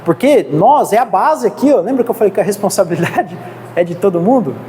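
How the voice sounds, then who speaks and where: A woman's voice: medium pitch, expressive, a little fast, mellow. A woman with a Brazilian accent teaching a theology class, earnest and exhorting. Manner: earnest, exhorting, keeps addressing the class as brothers. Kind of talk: church class lecture. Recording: reverberant hall with faint noise.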